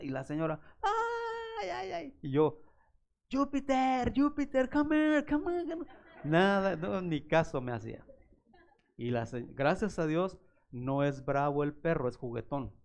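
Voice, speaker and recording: A male pastor, preaching a sermon through personal stories and acting out the voices of the people in them. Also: on the high side. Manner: animated storyteller acting out voices. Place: church.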